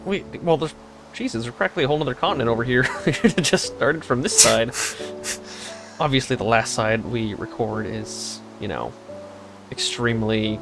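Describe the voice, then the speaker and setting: A man's voice: medium pitch, vocal fry. A young man hosting a casual let's play, rambling through his plans with sarcastic asides and frequent laughs. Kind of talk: casual gameplay chat.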